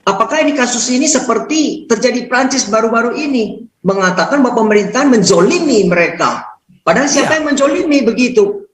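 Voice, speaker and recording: An interviewer asking measured, steady questions in a talk-show discussion. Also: mid-range voice. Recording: roomy echo.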